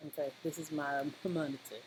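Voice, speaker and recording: Over clearly noisy home-style audio, a medium-pitched presenter talks through the steps of an informal screen-recorded software tutorial. His intonation stays fairly even, and he rambles and halts, often checking in with "okay?"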